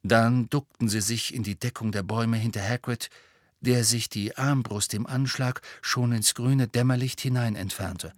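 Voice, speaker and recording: A man narrating an audiobook with steady, measured storytelling. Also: mid-range voice, no room sound, clean studio sound. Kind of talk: scripted narration.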